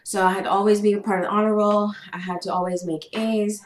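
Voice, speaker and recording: A woman's voice: mid-range voice, little pitch movement, quick pace, roomy sound. A young woman, eight months pregnant and a little out of breath, talking humbly as a podcast guest with many fillers and restarts. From United States. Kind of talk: casual podcast interview. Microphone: remote call, laptop.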